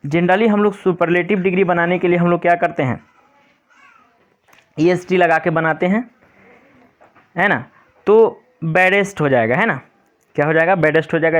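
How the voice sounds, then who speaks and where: A male teacher with a high-pitched voice patiently explains an English grammar lesson to pupils, repeating himself and often saying "pay attention". He reads the English example sentences slowly, one word at a time.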